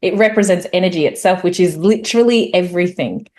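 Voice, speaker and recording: A woman hosting a casual group chat, bubbly and enthusiastic. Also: on the low side. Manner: bubbly, enthusiastic, fast-rising excitement. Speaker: host.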